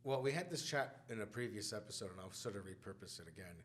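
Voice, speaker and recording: A man co-hosting a podcast in casual chat, a chatty, animated storyteller who laughs often. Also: on the low side, fast, slight background noise. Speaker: podcast co-host.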